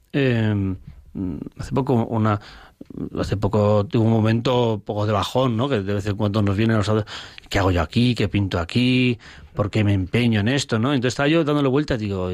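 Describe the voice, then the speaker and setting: A man, a parish priest recounting pastoral stories in a reflective, animated way, often checking in with tag questions. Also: medium pitch, no echo, studio quality.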